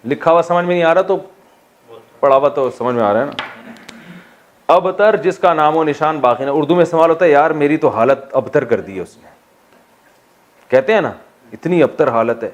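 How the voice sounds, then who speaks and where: A man's voice: a little high, pauses often. A man from Pakistan, an Islamic scholar teaching a Quran exegesis class, who asks the class questions, answers them himself, and jokes with his students. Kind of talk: classroom lecture.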